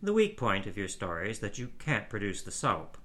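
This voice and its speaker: A man reading a story aloud, voicing a calm gentleman who speaks in a dry, measured, judicious way. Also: on the low side.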